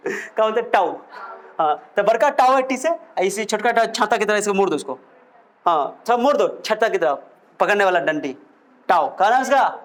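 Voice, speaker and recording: A man's voice: sits high, a little fast. A man teaching a physics class, quizzing his students as he explains. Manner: lively, coaxing, quizzes students with questions. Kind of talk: classroom lecture.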